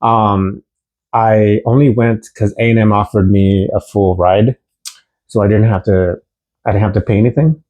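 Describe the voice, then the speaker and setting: A man's voice: fairly low pitch, steady tone, moderate pace, dark tone, lo-fi sound. A man from Houston, originally from Mexico, chatting casually as an interview guest, easygoing with many restarts. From Mexico, raised in Houston, Texas.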